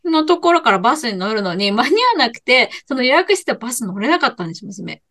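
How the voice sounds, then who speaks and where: A middle-aged woman chats on a podcast in a high, bright voice that leaps up and down. She talks fast and tells her story with animated energy, laughing along the way. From Tokyo, Japan. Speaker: podcast co-host. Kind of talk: casual chat.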